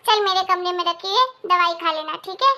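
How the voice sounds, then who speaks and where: A woman's voice: very high voice, normal speed, bright, forceful tone, heavily acted. A woman voicing a doting, indulgent older mother and mother-in-law who soothes her daughter, in a Hindi moral story cartoon.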